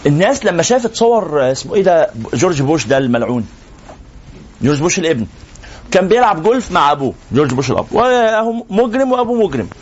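A man's voice: on the high side, sing-song, very fast, slight background noise. An Egyptian sheikh teaching a live class, firing rhetorical questions at his listeners. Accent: Egyptian Arabic. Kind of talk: religious lesson to a live class. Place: room with a class. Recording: muffled lo-fi recording.

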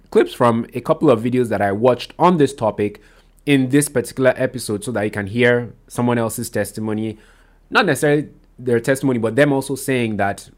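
Rambling man hosting a solo podcast. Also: medium pitch. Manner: rambling, self-correcting, with frequent fillers. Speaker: podcast host. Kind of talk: casual solo podcast monologue.

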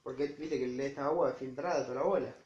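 A man's voice: medium pitch, quick pace, roomy sound, highs cut off, crowd noise. An Argentine man with a Rioplatense accent, insisting and swearing casually in a chat with a friend at home, recorded on a phone. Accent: Rioplatense Spanish. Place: his own home, indoors.

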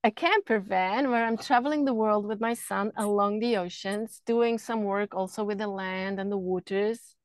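A woman's voice: medium pitch, normal speed, few pauses, no room sound. Earnest Swiss-raised woman, dry close sound. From Switzerland. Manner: earnest, flowing, repeats words while thinking. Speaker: podcast guest, energy healer. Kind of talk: casual interview talk. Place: camper van.

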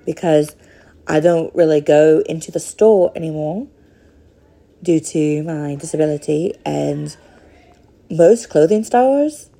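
Slow, gravelly, low-voiced woman. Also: little pitch movement, dark tone. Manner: rambling, with many fillers. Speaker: podcast host. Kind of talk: casual personal monologue.

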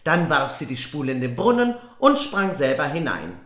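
Expressive woman reading a fairy tale. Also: low voice, moderate pace. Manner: joking interruptions. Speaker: podcast co-host. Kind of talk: playful fairytale reading with banter. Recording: roomy echo.

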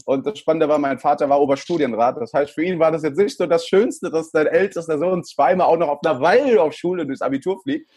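A man's voice: fairly high pitch, fairly quick, darkish tone, husky, no room sound, clean studio sound. A man in his thirties, raised in El Salvador, chatting as an interview guest and often repeating his words. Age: 30s. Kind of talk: casual interview talk.

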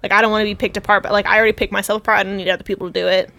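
A woman talks fast and frankly in a relaxed podcast conversation. She speaks at a mid pitch and fills her sentences with "like" as she goes. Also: gravelly. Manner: candid, fast, filler-heavy. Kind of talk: casual chat.

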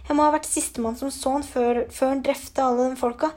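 Storybook: a woman as a huge, hot-tempered gamekeeper, loud and rustic, voice pushed higher. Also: fairly even intonation, natural voice. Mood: furious. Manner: loud, rustic dialect words.

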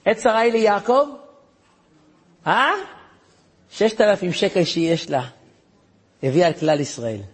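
A man, a rabbi, tells a story to an audience in an animated way, acting out voices and sound effects. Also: high-pitched, pauses often, slight background noise.

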